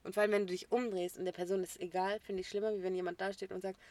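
Young woman, casual co-host chat, animated, slangy, quick to laugh. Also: medium pitch, dry recording.

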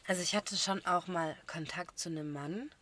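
A young woman co-hosting a podcast, telling stories in a lively way with casual slang. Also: on the low side, moderate pace, slight background noise. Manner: animated storytelling with slang. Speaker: podcast co-host.

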